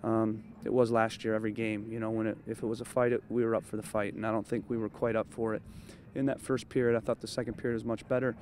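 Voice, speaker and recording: A man in his thirties, a head coach, giving a measured postgame interview outdoors at night, with lots of "you know" and "um" as he thinks. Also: lowish voice, little pitch movement, a little mellow, a little hiss or hum. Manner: thoughtful, measured, frequent fillers. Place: outdoors at a training field at night. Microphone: handheld interview mic held close.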